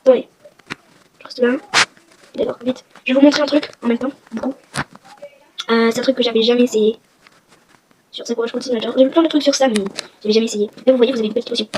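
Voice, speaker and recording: A woman talks quickly through a casual game walkthrough, rambling and joking at her own expense. Her voice sits a little high. Steady background noise and clicking run under her. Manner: chatty, rambling, self-mocking. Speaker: gaming video host. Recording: noisy with clicking sounds.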